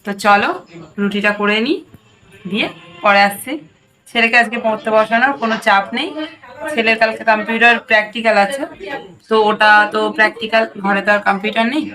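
A woman's voice: a little high, steady tone, a little fast, soft background music. Chatty woman vlogger talking to viewers. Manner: talks directly to viewers, friendly and chatty. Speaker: vlogger and home tutor. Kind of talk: casual chatty daily vlog.

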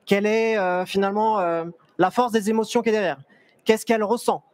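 A young man, a photographer, giving a lively, chatty talk on a fair stage through a headset mic, with many restarts and small jokes to the audience. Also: high voice, a little fast, no room sound. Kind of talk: live stage presentation. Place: stage at a trade fair, large indoor hall.

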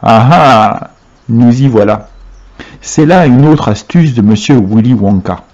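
A man reading aloud and voicing an old grandfather who speaks in a low, confiding voice. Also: animated, slow, a little mellow, muffled recording. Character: old grandfather, secretive storyteller.

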